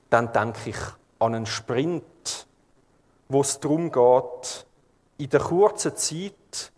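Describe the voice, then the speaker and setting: A male preacher with a Swiss German accent delivers his sermon at an unhurried pace, calm and measured. He paints scenes vividly for his congregation. His voice rings out with the long reverb of a church hall. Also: medium pitch.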